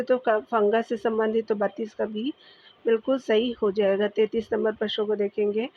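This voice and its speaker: A woman teacher with a Bihari Hindi accent going steadily through exam quiz answers, calling viewers dear. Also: fairly high pitch. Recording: dull lo-fi recording.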